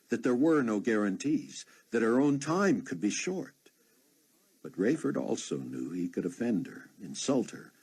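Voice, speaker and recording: A man narrating an audiobook in an expressive, measured way. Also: lowish voice, husky.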